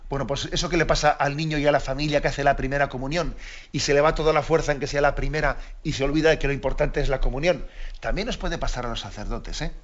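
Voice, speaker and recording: A man's voice: on the high side, fairly bright tone. A priest preaching an earnest sermon to fellow priests, repeating his key phrases and asking rhetorical questions. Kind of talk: reflective sermon to clergy. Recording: dull lo-fi sound.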